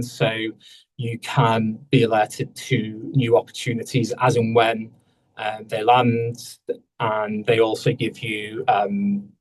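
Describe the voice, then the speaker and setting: A man's voice: medium pitch, a little mellow, distant mic, poor audio. A man giving a webinar presentation as a lawyer, fluent and businesslike, with a few fillers.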